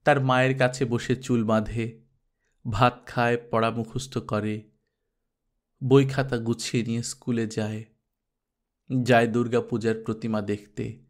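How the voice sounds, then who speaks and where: A male audiobook narrator reads a literary novel in a tender, deliberate manner. His pace is very slow and his voice sits at a medium pitch. Each phrase is given room to settle. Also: flat delivery.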